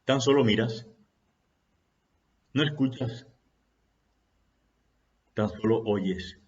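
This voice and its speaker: A patient old spiritual master, answering with calm plainness , as a man telling a parable puts him on. His voice sits low. The recording sounds dull and lo-fi. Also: very slow. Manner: calm, matter-of-fact answers.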